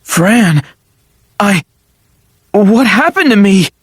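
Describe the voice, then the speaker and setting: A man's voice: high voice, extremely slow, slightly rough, no echo, studio quality, voice pushed up, full character voice. Man voicing a fervent talking sword. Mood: excited. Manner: earnest, excitable, lively. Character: talking sword, a loyal male mentor, fervent.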